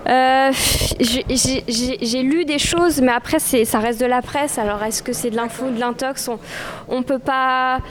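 A woman's voice: high-pitched, steady tone, a little slow, a crowd in the background. A woman giving an informal history lecture, often hesitating and restarting her sentences. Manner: hesitant, many restarts and fillers. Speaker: speaker giving a history talk.

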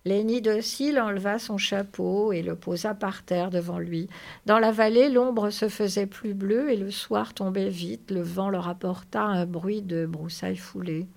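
A woman reading a novel aloud, narrating in a steady storytelling way. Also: mid-range voice, measured pace, gravelly. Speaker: reader.

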